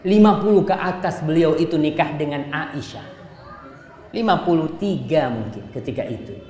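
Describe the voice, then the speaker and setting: A male preacher delivering a sermon, talking straight to the congregation and swinging between loud exclamations and quiet asides. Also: a little high, lively intonation, normal speed. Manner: addresses the congregation directly. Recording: echoey hall with long reverb.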